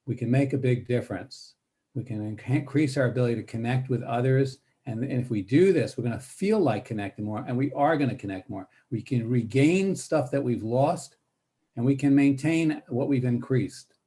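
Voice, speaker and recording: Older man, slow, dark, deliberate teacher. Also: mid-range voice. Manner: deliberate, pausing between phrases; demonstrates varied word emphasis. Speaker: guest presenter on speech strategies. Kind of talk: spoken workshop talk with demonstrations.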